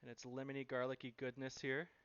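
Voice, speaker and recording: A man's voice: medium pitch, completely flat delivery, fast, fairly bright tone, lo-fi sound, a little hiss or hum. A man running a live cooking stream, chatting and cheerfully thanking viewers as he cooks.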